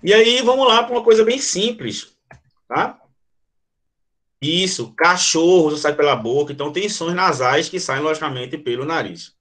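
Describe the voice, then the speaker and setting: A man with a somewhat high voice teaches a live online lesson. He models the sounds aloud as he explains them and often pauses to check that his viewers are following. He also answers their comments as they arrive. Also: expressive, a bit bright. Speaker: Portuguese teacher.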